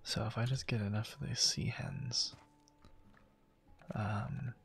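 A man quietly whispering casual ASMR gameplay commentary, musing aloud to himself as he plays, with keyboard and mouse clicks. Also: on the low side, fairly even intonation, slow, creaky, faint music behind. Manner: soft-spoken, musing aloud while playing. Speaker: gameplay channel host.

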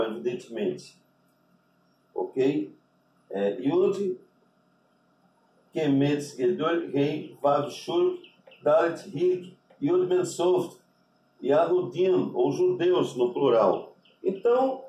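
A man with a Brazilian Portuguese accent, a rabbi giving an unscripted religious lesson, deliberate and spelling out Hebrew letters with constant tag questions. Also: fairly high pitch, mellow, far from the mic, slight background noise. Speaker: rabbi teaching Hebrew names. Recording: echoey room, voice off-mic.

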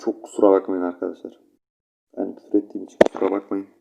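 Young man, low voice, sleepy, stuffy nose, rambling gameplay commentary. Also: level tone, racing, vocal fry, heavy background noise. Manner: chatty, rambling, keeps addressing viewers. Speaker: gaming channel host.

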